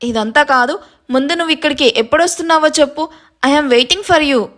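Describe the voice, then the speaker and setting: A woman voices an impatient co-plotter in an audio story, eager and pushing for answers. The voice sits high and lively. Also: fairly quick.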